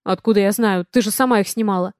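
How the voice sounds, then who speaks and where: A woman reading aloud, voicing a playful young male rescue worker in a soft, slightly lowered tone. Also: fast, no room sound, studio quality, close to an everyday voice. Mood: panicked.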